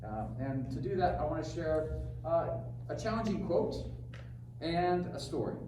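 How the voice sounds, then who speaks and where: A man's voice: on the high side, expressive. Guy from congo giving a talk, lots of uhs, hall really echoey, mic far off, noisy room. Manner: chatty, halting with many fillers. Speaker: guest speaker, teacher. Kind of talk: live speech to an audience. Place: event hall.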